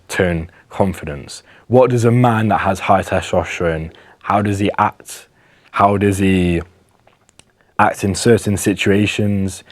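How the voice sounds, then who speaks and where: A young man delivers a casual advice monologue, emphatic and earnest, sometimes tripping over his words. His voice sits deep and low. The sound is close and dry, with no room around it. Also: no room sound. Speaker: wellness vlogger.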